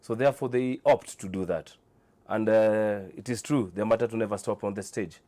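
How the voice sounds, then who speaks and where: Low-voiced, halting Kenyan man. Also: steady tone, dark tone. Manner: hesitant, halting. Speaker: interview guest, car audio dealer. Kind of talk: informal interview answers.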